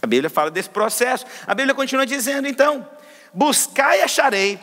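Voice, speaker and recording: A man preaches to his congregation in a high, bright voice, asking questions and answering them emphatically. A long reverb from the church hall trails every phrase. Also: animated, brisk. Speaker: pastor. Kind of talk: sermon. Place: church service.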